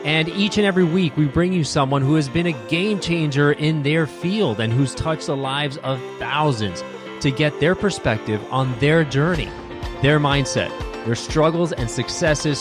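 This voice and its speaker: A man's voice: a little high, moderate pace, over music. A man hosting a podcast interview, upbeat and delivering a scripted show intro. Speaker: podcast host.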